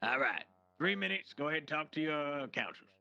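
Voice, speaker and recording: A man runs a roleplay courtroom as a foul-mouthed judge who barks orders at everyone. His voice sits a bit high, with a gravelly rasp. The tone is bright and cutting. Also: expressive, fairly quick, dry recording, muffled recording. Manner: brash, profane, commanding. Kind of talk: game roleplay in character.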